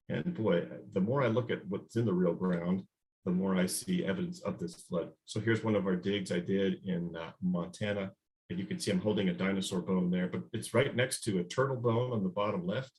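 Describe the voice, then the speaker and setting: A man giving a slide presentation as a guest scientist on a video call, halting, with many fillers and restarts. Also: fairly low pitch. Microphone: video call microphone.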